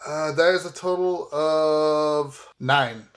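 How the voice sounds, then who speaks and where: A man playing a tabletop horror game, talking excitably and brashly, in and out of character. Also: a little high, slow pace, a little hiss or hum. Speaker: player.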